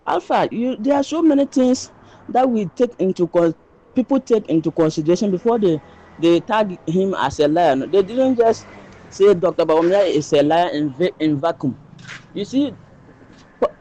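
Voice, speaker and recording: A man's voice: sits high, dark tone, poor audio. A man giving his political opinion in a phone voice message played on air, insistent and often repeating and restarting his phrases. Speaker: listener sending a voice note.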